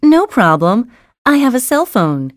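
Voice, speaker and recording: Expressive woman in test dialogues. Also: on the high side, measured pace, dry recording. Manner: bright, clearly enunciated conversational reading. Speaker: listening test voice actor. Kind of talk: scripted test dialogue reading. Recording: dry studio recording.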